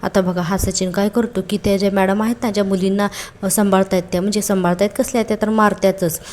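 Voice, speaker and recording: A woman's voice: mid-range voice, steady tone, fast, a little mellow. A woman recapping a TV serial episode in a chatty way, retelling scenes with quoted dialogue and exclamations.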